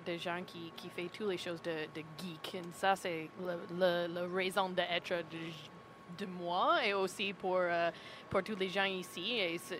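A woman with an English Canadian accent and English as her first language, speaking haltingly as an interview guest. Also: fairly low pitch, fairly bright tone, slight background noise. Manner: halting, searching for words.

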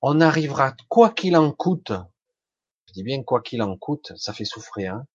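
A man's voice: mid-range voice, sing-song, moderate pace, no room sound, dull audio. A man giving an informal motivational talk straight to the listener, colloquial and blunt, with mild swearing.

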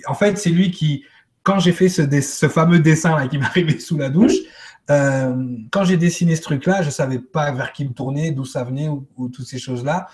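Guy chatting on a livestream, keeps repeating himself, voice fades out at ends. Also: a little high. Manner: halting, repeats words, trails off quietly. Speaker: guest speaker. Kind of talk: casual live-stream talk.

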